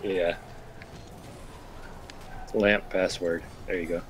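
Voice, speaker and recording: A young man chatting in a relaxed way and telling stories while gaming with a friend. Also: sits low, drawn-out words, a little hiss or hum. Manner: laid-back, chuckling storyteller. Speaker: gaming co-host. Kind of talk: casual gameplay chat.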